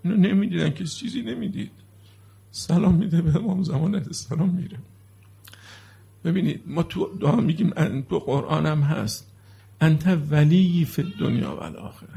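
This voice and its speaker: A middle-aged male preacher delivers a religious sermon with a deeply husky, worn voice. His tone is dark and mellow, his pitch sits somewhat high, and his emotional delivery moves from earnest teaching into sorrowful lament. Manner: emotional, shifting from earnest explanation to mournful lament. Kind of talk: religious sermon to a seated congregation.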